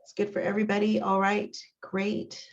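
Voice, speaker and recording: A woman hosting a meeting, reading a guest introduction with many um pauses over a video call. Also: mid-range voice, completely flat delivery. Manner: warm filler-laden reading, with um pauses. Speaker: meeting host introducing a speaker. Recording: dull lo-fi video call audio.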